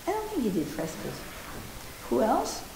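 Filmed from afar in an old meeting house, this Argentine woman in her fifties delivers a casual art history talk with lots of gesturing, restarts, and filler words. She speaks at a moderate pace with a fairly high, creaky voice, against a noisy background and roomy hall echo.

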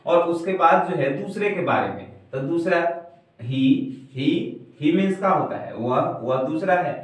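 A young man teaching at a whiteboard in his twenties. He speaks in a fairly high voice and at a very slow, drawn-out pace, repeating each example. The sound is very echoey and distant, picked up by a camera mic across a bare classroom. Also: expressive. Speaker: spoken English teacher. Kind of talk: classroom lesson. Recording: very echoey room, heard from afar.

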